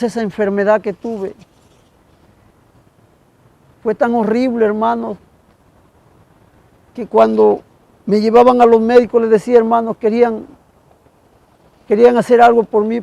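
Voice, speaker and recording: A man telling an emotional religious testimony in a halting way, again and again calling his listener "brother". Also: very high voice, flat delivery, creaky, warm tone, no room sound, lo-fi sound. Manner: halting, keeps addressing the listener as "hermano". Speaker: guest giving a religious testimony.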